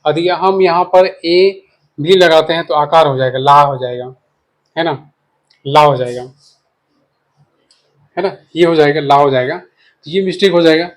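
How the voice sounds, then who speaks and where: A man's voice: a little high, measured pace, long pauses. A man teaching an English spelling lesson in a patient, repetitive way, often checking that listeners follow as he writes and explains. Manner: explains while writing. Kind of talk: casual spoken lesson.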